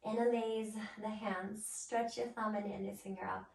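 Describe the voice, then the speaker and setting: A woman guiding a yoga class as instructor, with a gentle, nurturing and encouraging manner. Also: mid-range voice, fairly even intonation, normal speed, vocal fry. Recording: roomy echo, distant microphone.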